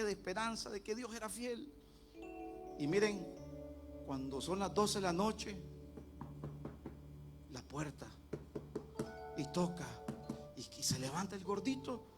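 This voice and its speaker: A man with a Nicaraguan accent tells a faith testimony from a conference stage. His voice sits high, and he acts out each exchange with lively energy. Soft music plays faintly behind him. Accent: Nicaraguan Spanish. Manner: lively storyteller acting out dialogue. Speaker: conference speaker. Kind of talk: testimony storytelling.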